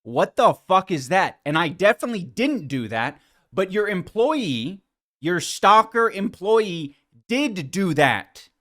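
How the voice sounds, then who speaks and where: Give me a man doing sarcastic live commentary with a lively, somewhat high voice. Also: slow. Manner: sarcastic, mocking, laughs often. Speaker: streamer reacting to clips.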